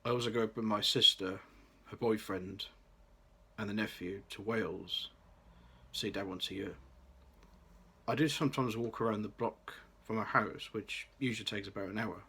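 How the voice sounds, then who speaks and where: A young man in his late 20s from Birmingham, England, has a low voice with a bright tone and a breathy edge, speaking at a moderate pace. He's reading a scripted personal vlog carefully, restarting now and then.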